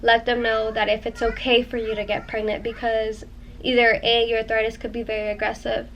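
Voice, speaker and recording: A woman's voice: on the high side, level tone, a little fast, fairly bright tone, highs cut off, slight background noise. A pregnant woman in her twenties chatting casually to her vlog viewers, rambling with lots of "um" and "like". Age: 20s. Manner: rambling, many "um" and "like". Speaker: vlogger. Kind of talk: casual chat to camera.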